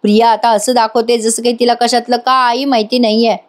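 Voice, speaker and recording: A woman recaps a TV serial episode in a chatty voice-over. She speaks straight to her viewers. Her voice sits fairly high. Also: flat delivery, brisk. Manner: chatty, addresses viewers directly. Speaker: serial reviewer.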